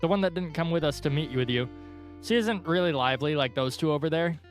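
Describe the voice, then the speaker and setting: A man's voice: fairly high pitch, quick pace, close to an everyday voice. A young man reading the lines of a friendly, earnest schoolgirl in a visual novel, in close to his own voice. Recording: faint guitar music underneath. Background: soft guitar music.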